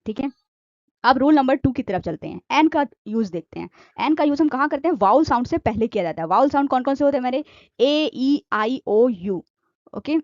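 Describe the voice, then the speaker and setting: A woman's voice: on the high side, a little mellow, dry recording, muffled recording. A woman teaching grammar, asking questions and answering them herself, repeating each point. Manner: repetitive, asks and answers own questions. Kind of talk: explanatory grammar lesson.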